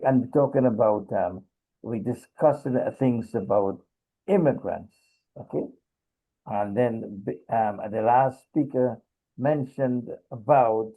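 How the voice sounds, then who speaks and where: Slow gravelly guy from trinidad, lots of ums, tinny call audio. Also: lowish voice. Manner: halting, many pauses and fillers. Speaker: discussion participant. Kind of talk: casual discussion.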